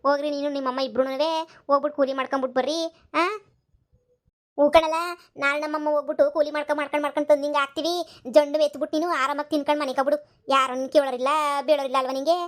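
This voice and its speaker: A woman plays a sharp-tongued young village wife in a cartoon comedy, nagging. She talks fast, high and on a narrow, level tune. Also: little pitch movement, close to an everyday voice. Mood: scolding. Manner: scolding, rapid and nagging.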